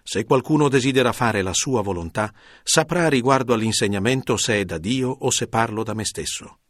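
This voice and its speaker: A man reading the lines of a calm, authoritative male teacher in a measured, solemn scripted Bible reading. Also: mid-range voice, dry recording, clean studio sound, close to an everyday voice.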